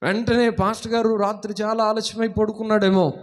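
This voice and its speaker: A man's voice: sits high, flat delivery, a little fast, a little hiss or hum. A man preaching a sermon as pastor, retelling a story and asking his congregation questions.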